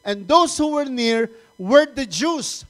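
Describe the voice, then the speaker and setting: High-voiced Filipino pastor preaching. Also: male voice, slow. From Philippines. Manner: animated preaching, laughs often, repeats words. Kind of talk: sermon.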